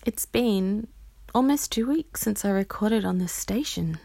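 A woman podcast host recording a casual, confessional audio diary in a halting, reflective and sometimes playfully theatrical way, her breathy voice often trailing into a near-whisper. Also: mid-range voice, lively intonation, mellow, no echo. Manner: reflective, halting, with pauses and sighs.

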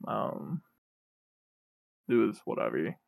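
A man's voice: fairly low pitch, wildly swooping pitch, takes it slowly, gravelly, dry recording, narrow, tinny audio. A young man co-hosting a podcast, chatting casually in an offhand, wry, dismissive way. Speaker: podcast co-host. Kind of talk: casual chat.

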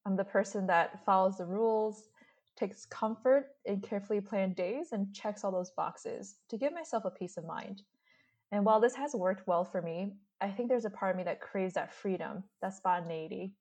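A woman in her late twenties from Brooklyn, co-hosting a podcast and reading a scripted introduction in a measured, reflective way. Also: mid-range voice, a little mellow. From Brooklyn, New York. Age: late 20s. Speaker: podcast co-host.

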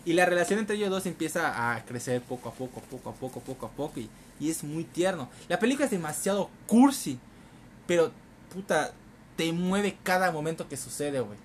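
A man's voice: a little high, a little fast, slight background noise. A man with a Mexican Spanish accent, co-hosting a casual chat and animatedly retelling movie plots with slang. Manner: animated storyteller, acting out characters with swearing and laughter. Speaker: podcast co-host.

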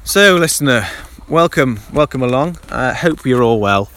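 Recorded on a handheld dictaphone outdoors, first in a damp garden in light rain and then under a covered shelter, a man rambles through his casual solo podcast, full of ums and restarts. As host, he speaks in a mid-range, fairly bright and expressive voice at normal speed.

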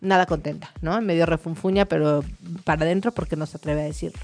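A woman's voice: sits low, fairly even intonation, quick pace, a little mellow, faint music behind. Chatty woman therapist. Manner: chatty, many fillers, storytelling. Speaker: child therapist. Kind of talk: explanatory conversational talk.

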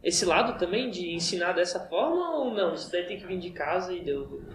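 A man's voice: sits high, lively intonation, fairly quick. A man, co-hosting a podcast, asking questions and joking around. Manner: teasing, asks questions, joking. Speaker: podcast co-host. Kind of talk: casual chat. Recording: echoey room, faint noise.

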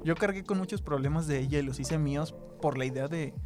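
A man's voice: fairly high pitch, a little fast, over music. A young man with a Mexican accent, co-hosting a casual chat and telling a personal story with lots of feeling. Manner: emotional storyteller who acts out quoted lines. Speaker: podcast co-host.

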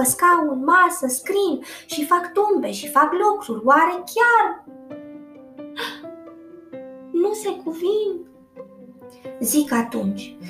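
A woman reading a rhyming children's story aloud in a lively, rhythmic way, in an echoey room with faint guitar music. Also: sits high, recorded from a distance.

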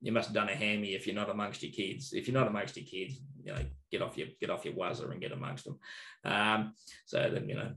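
A man's voice: fairly low pitch, quick pace, vocal fry. Laughing Australian man telling stories. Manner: laughs often, swears casually, animated anecdotes. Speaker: teacher and maths trainer. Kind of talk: casual storytelling interview. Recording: roomy echo.

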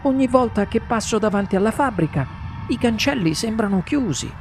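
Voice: medium pitch, expressive, brisk, faint music behind, pitched above the performer's own voice, close to an everyday voice. A reader voicing a curious wide-eyed little boy in a storybook audiobook, asking eager questions. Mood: hesitant eager. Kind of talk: audiobook character voice.

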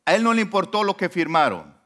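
Speaking quickly in a high voice, a pastor delivers a sermon. His manner is animated and conversational, peppered with rhetorical questions.

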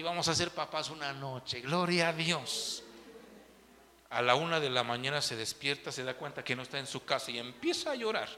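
A man preaching a sermon as pastor, animated, swinging between loud and soft. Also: fairly high pitch, in a large hall.

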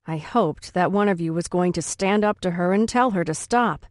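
A woman voicing a stern, calm male schoolteacher who lectures firmly. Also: on the low side, dry recording, clean studio sound, voice pushed down, lightly acted. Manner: firm, measured lecturing.

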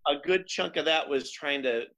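A man co-hosting a podcast in casual chat, animated and acting out quotes in different voices. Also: on the high side, normal speed, vocal fry. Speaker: podcast co-host.

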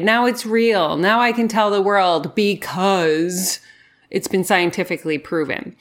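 A woman with a medium-pitched voice talks as a podcast host. Her delivery is effusive and informal, with emphatic phrasing in a conversational, storytelling monologue.

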